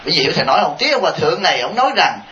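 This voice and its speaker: A man's voice: fairly high pitch, sing-song, rapid-fire, sharp tone. A man, a Buddhist monk giving a dharma talk and answering questions, telling stories with chuckling asides and rhetorical checks on his listeners. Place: temple hall with listeners. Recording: echoey, dull lo-fi hall recording with faint hiss.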